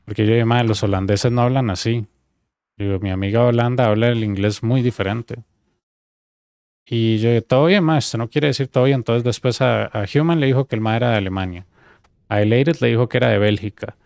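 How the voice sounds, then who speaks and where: A man with a Costa Rican accent chatting on a gaming stream, telling an animated story and acting out quoted dialogue. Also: lowish voice, a little fast, vocal fry, smooth, no room sound, clean studio sound. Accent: Costa Rican Spanish. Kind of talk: casual gaming stream chat.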